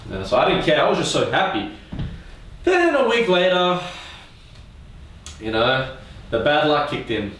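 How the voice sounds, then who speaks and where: A man's voice: on the high side, measured pace, long pauses, slight background noise. A man telling funny stories about his own childhood, swearing freely and acting out the voices of the people in them. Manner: animated, swearing, acts out voices of others. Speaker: storyteller. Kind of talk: comic personal storytelling. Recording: echoey room, from a distance.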